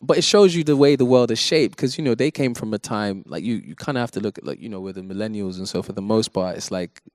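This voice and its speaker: Soft-spoken monotone young man. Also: fairly low pitch, fast, no echo, clean studio sound. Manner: reflective, many fillers and restarts. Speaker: musician guest. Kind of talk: casual interview talk.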